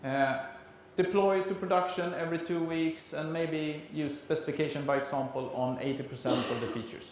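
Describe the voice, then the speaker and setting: A man from Sweden with a Swedish accent gives an explanatory conference presentation in a halting delivery, as a non-native speaker. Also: fairly high pitch, steady tone. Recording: very echoey room, faint background noise.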